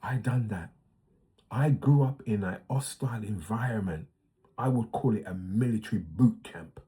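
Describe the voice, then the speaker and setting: An older man in his sixties talks through the opening of his own series. His voice sits slightly low and has a husky edge. He is earnest and reflective, pausing on fillers and restarting his sentences as he goes. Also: warm tone. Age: 60s. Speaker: host. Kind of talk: casual monologue.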